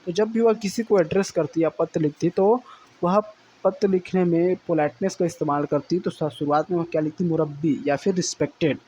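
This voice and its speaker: A man teaching as an English teacher. He reads English lines slowly, then explains them in Hindi, often repeating himself and adding "है ना". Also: a little high, fairly even intonation, mellow, husky, poor audio.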